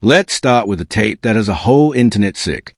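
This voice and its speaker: A man's voice: on the low side, lively intonation, brisk, slight background noise. A man delivering scripted celebrity exposé commentary as an online host, in a slangy, incredulous, smug and sarcastic manner.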